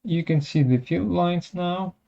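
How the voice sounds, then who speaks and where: A presenter of unclear sex demonstrates software step by step in brief, halting phrases, heard through muffled webinar audio. The voice is mid-range and creaky.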